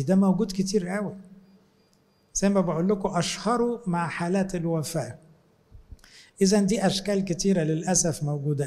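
A man's voice: sits high, mellow. A man with an Egyptian Arabic accent, a priest giving a conversational sermon and acting out his talks with people. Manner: conversational, acts out dialogues with people.

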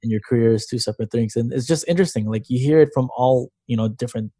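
A man's voice: mid-range voice, fast, dark tone, dry recording. A man from Canada co-hosting a casual chat, reflective and hesitant with many fillers. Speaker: podcast co-host.

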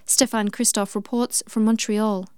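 A woman news anchor introducing a report in a crisp, formal way. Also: mid-range voice, level tone, a little slow, slight background noise.

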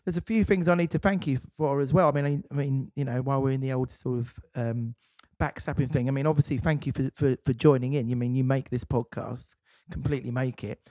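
A man's voice: medium pitch, steady tone, fairly quick, few pauses, mellow, no room sound. A man co-hosting a casual podcast, rambling and restarting his sentences. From England. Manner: rambling, self-interrupting, swears casually. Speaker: podcast co-host.

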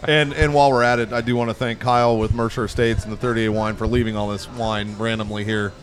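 A man's voice: medium pitch, little pitch movement, fast. A man co-hosting a casual chat show, teasing and hesitant, with many fillers, recorded at a restaurant table. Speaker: co-host. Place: restaurant with the show's crowd at a table.

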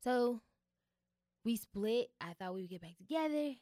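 A young woman with a fairly high voice speaks at a measured pace as an interview guest in a studio. She is an artist and founder, chatting candidly and relaxed, using many filler words. The sound is dry.

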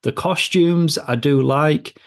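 A man's voice: a little high, takes it slowly. Chatty male film podcast co-host. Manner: chatty, with filler and restarts. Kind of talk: casual film discussion.

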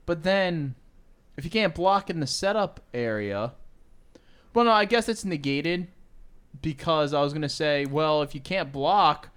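A young man co-hosts a sports podcast in easygoing chat, excitable and quick with a blunt joke. His voice is smooth and clear. It sits a little high for a man. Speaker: podcast co-host.

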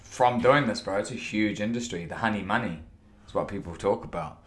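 A man's voice: fairly low pitch, fairly quick, fairly bright tone. A man with a broad New Zealand accent chatting casually as a podcast guest, laid-back, slangy and matey. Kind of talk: casual chat.

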